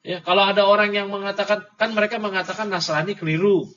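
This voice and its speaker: A man's voice: high-pitched, level tone, fast, fairly bright tone. A man teaching an Islamic book study, reading Arabic passages and explaining them casually with mocking jokes for his listeners. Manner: reads Arabic text then explains it in colloquial speech; mocking, jokey asides to the audience. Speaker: religious teacher. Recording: dull lo-fi audio recording.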